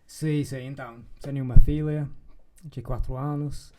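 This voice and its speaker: Slow, mellow man with an English accent. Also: medium pitch, steady tone, a little hiss or hum. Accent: English (Manchester). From England, Manchester. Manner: halting, searching for Portuguese words, with English fillers. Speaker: guest, life and business coach. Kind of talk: casual podcast interview. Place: podcast studio in a farm-like setting.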